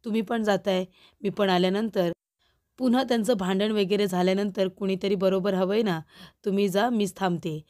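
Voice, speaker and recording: A worried, dutiful middle-aged housewife, read by a woman narrator. The voice is mellow and darkish. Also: medium pitch, fairly even intonation, normal speed, lightly acted.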